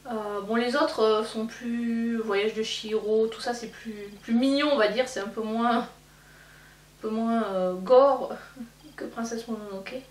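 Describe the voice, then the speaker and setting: A beauty vlogger in her thirties does her makeup while chatting casually, rambling with lots of fillers in a get-ready-with-me video. Her voice is fairly high with fairly even intonation and an unhurried pace, recorded in an echoey room with a distant mic and a faint hum.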